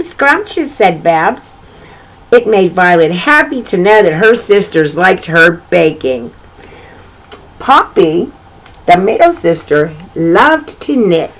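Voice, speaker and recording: With a medium-pitched, slightly bright voice, a woman hosts a read-aloud for kids, talking directly to her young audience with asides and repeated phrases while reading a picture book.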